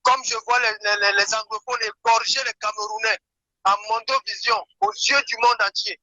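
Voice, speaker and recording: A man's voice: very high voice, lively intonation, normal speed, bright, forceful tone, dry recording. A man calling in on speakerphone, indignantly pressing a guest with an accusing question and stumbling over repeated words. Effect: caller on speakerphone. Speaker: caller. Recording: dull lo-fi phone line.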